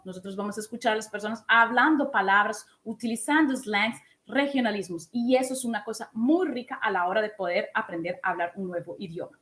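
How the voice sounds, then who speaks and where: A woman in her thirties giving a casual online English lesson in a lively, chatty way, often asking her listeners questions. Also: on the high side. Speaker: English teacher.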